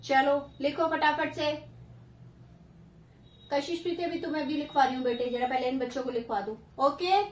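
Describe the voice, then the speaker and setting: A woman's voice: sits high, normal speed, long pauses, echoey room, far from the mic, slight background noise. A woman tuition teacher dictating spelling to children, stern yet coaxing, stretching out syllables as she dictates.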